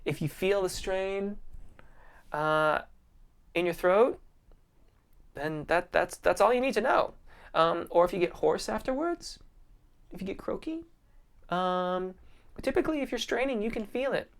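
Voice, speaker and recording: A vocal coach hosts a casual Q&A on a live stream, reading viewer comments and responding in a friendly, appreciative way with many ums and restarts. His voice sits high and animated yet creaky, a little slow, with long pauses.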